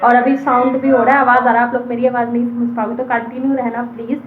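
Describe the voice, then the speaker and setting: A woman's voice: a little high, level tone, fast talker, slight background noise. Chatty woman vlogging on a tinny phone. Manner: chatty, rambling, talking straight to viewers. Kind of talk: casual vlog chat to camera. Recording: echoey room on a tinny phone mic.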